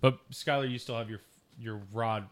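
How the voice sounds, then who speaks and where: A man's voice: medium pitch, fairly even intonation, moderate pace. A man playing a tabletop game, speaking tentatively and often restarting. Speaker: player. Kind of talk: casual in-character play.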